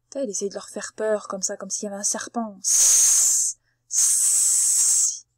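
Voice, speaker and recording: A woman's voice: mid-range voice, flat delivery, quick pace, husky, dry recording. A woman teaching a reading lesson to young children, patiently sounding out words syllable by syllable and talking straight to the child. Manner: addresses the child directly as tu. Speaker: primary school teacher.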